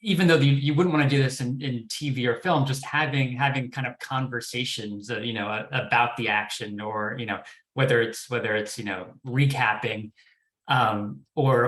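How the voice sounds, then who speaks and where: A development executive on a panel explains things, hedging and repeating words as he thinks. His voice is medium-pitched and a bit bright. The recording sounds echoey and roomy.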